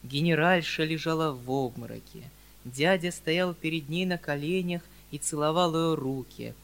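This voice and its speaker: High-voiced male audiobook narrator. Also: gravelly, a bit bright. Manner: measured, grave narration. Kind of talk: dramatic literary reading.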